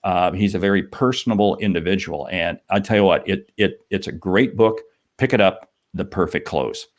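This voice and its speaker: A man's voice: low-pitched, normal speed. A man co-hosting a sales podcast, talking in an emphatic, punchy way. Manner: emphatic, punchy, animated delivery. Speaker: podcast co-host. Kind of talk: energetic sales podcast talk.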